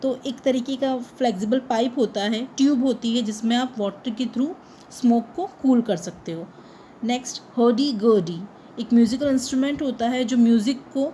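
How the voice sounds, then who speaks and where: Lady teaching grammar, kinda high voice, asks and answers her own questions, bit of hiss behind. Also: mellow, low-quality recording. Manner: asks the class questions and answers them herself, switches between Hindi and English; reads English definitions slowly and carefully. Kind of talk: bilingual grammar lesson.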